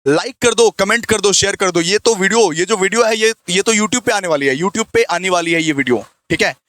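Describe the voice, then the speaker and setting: A man's voice: high voice, fairly quick, fairly bright tone, no room sound. A man teaching a lecture in a playful, teasing way, repeating key lines in a sing-song and answering his own questions. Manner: repetitive, teasing, sing-song call-and-response with himself.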